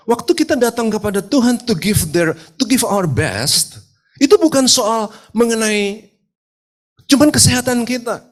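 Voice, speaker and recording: A man preaching a sermon at a live church service, his voice nasal from a cold, with an emphatic delivery. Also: high voice. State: stuffy nose from a cold. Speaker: pastor.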